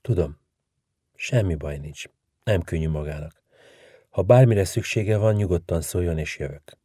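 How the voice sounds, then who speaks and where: A man reading the part of a kind older hospital nurse in a storybook, speaking softly and reassuringly with a dry, close sound. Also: sits low, husky, no room sound. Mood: soothing. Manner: soft, soothing, reassuring. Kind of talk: audiobook reading.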